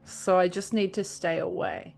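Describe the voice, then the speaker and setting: A woman's voice: on the low side, big pitch swings, moderate pace, vocal fry, darkish tone, faint music behind. A woman playing a tabletop game, playful and bold. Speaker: player. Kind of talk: tabletop role-play.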